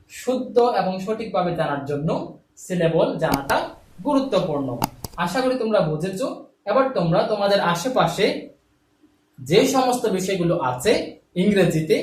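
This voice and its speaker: A man from Bangladesh teaching an English lesson, patiently counting out word parts as he points at a board in a room with a ceiling fan. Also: sits high. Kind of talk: classroom lesson explaining syllables. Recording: echoey room, from a distance.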